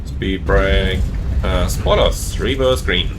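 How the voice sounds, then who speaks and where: A man working as an airline pilot, giving casual commentary and radio calls from the cockpit. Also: slow. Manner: casual, conversational. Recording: faint cockpit rumble.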